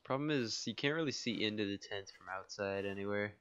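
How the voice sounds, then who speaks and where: Nervous, laughing gamer calling targets. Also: male voice, lowish voice, brisk, a bit bright, clean tone, lo-fi sound. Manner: jittery, laughs often, calls out positions. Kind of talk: casual gaming chat.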